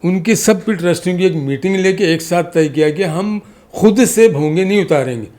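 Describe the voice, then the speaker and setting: This community activist, appearing as a podcast guest, has a high-pitched yet darkish male voice and talks at an ordinary pace. Giving impassioned political interview talk, he argues like an orator, stressing his points emphatically and stacking parallel phrases for weight.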